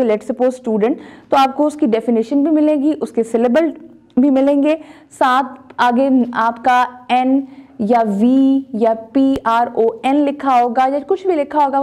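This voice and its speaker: A woman teaching a recorded textbook lesson, explaining each step slowly and carefully. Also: high-pitched, darkish tone. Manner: slow, carefully spelled-out explanations.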